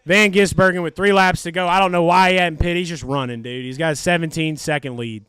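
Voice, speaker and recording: Excitable, high-voiced male race streamer. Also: fairly quick, smooth, no echo. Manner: excitable, profane, jokey. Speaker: live stream host. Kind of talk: live race commentary.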